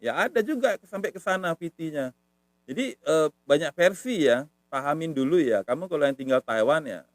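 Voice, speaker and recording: Lively-voiced man teaching tones. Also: on the high side, moderate pace, dry recording. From Medan, Indonesia. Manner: patient, repeats words to demonstrate tones. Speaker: language teacher. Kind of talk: casual online lesson.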